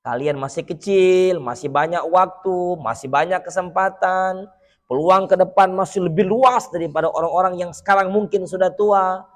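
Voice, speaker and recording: A male preacher with a very high voice gives an animated sermon to children at a boarding school. He keeps breaking off words for his listeners to finish. A long hall reverb hangs behind his voice. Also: normal speed. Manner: animated, leaves words unfinished for listeners to complete.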